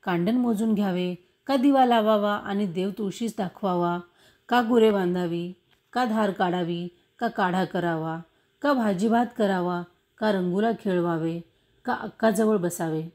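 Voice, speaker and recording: Lady reading a story out loud, steady and expressive, mid pitch. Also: a little slow. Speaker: audiobook reader.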